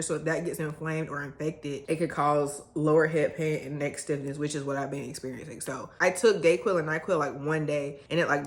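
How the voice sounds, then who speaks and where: A low-pitched woman gives a chatty home vlog. Her nose is stuffy. She retells scenes in quick voices and trails off into asides. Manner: animated, laughs a lot, retells scenes in character voices. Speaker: book vlogger.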